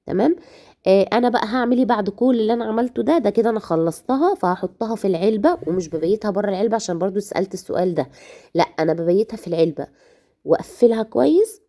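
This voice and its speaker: A woman with an Egyptian Arabic accent, hoarse and nursing a cough, chatting directly to her viewers through a cake decorating tutorial. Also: on the high side, dark tone. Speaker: home baker.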